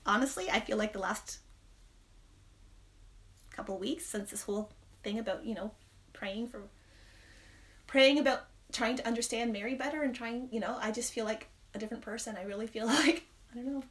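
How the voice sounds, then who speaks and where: A woman's voice: on the high side, moderate pace, pauses often, fairly bright tone. A woman in her thirties, a podcast co-host, talking through personal reflections on faith in a rambling, candid way, laughing often. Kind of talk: casual faith chat.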